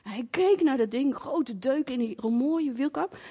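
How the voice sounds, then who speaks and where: A woman giving a sermon as a lively personal story, with many fillers, acting out voices and sounds in a conversational way. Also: high-pitched, a little slow, husky. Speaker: preacher.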